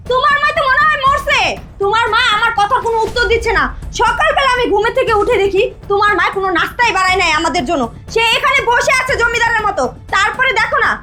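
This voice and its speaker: A woman playing a shrill, bossy young wife. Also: noisy background. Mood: complaining. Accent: Bangladeshi Bengali. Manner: scolding, nagging, shouting. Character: shrill bossy young wife berating her mother-in-law. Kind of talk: amateur short drama acting.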